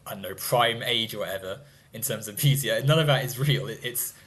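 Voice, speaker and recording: A man's voice: fairly low pitch, fairly quick, a bit bright. A man in his twenties in a casual debate, talking in a rambling, hedging way with frequent laughs. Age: 20s. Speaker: guest.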